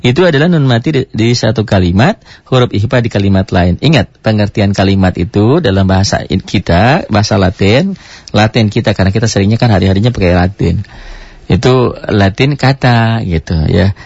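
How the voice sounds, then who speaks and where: A man with a fairly low voice teaches a recitation lesson. He talks through each point in a patient, explanatory way and slows down to demonstrate examples. The sound is dry and a little muffled. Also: a little mellow, slightly rough, no echo. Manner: explains step by step with many "gitu" tags, slows to recite examples.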